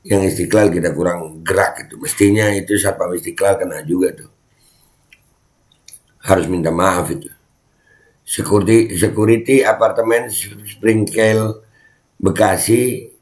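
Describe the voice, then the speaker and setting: A man's voice: low-pitched, steady tone, a little slow, long pauses. A man giving casual video commentary, scolding and repeating his points. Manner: scolding, repetitive, chatty. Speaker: online commentator.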